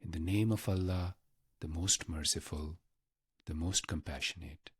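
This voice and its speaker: A man guiding a meditation in a measured, reverent manner, pausing deliberately between short phrases. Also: sits low, fairly even intonation, slightly rough, no room sound, studio quality. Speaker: meditation guide. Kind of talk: guided meditation narration.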